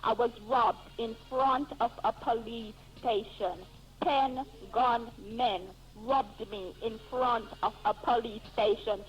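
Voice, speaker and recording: A woman's voice: a little high, fairly even intonation, takes it slowly, highs cut off. A woman from Jamaica calling in to a talk radio show, pressing her point and talking over the host. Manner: forceful, talks over the host. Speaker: caller. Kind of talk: phone-in call.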